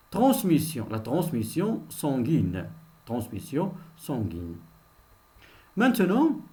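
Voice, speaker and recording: A man leads a slow pronunciation drill for learners, spelling out each example word and repeating it. His voice sits a little high for a man and swings widely in pitch. He takes his time, so every word stands apart. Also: a little mellow. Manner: repeats each word twice, explains meanings simply. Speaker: teacher.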